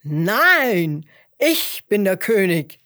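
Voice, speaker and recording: A woman's voice: medium pitch, big pitch swings, extremely slow, sharp tone, full character voice. A woman voicing a proud, hot-tempered male lion who roars and boasts in a children's story. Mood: indignant. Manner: roaring, boastful.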